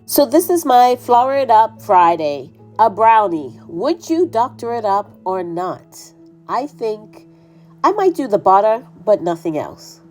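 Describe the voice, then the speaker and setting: A woman's voice: mid-range voice, big pitch swings, slow, darkish tone, faint music behind. A woman vlogging casually as she tastes her baking, chatty and prone to fillers and trailing off. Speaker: homesteading vlogger. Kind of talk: casual cooking vlog.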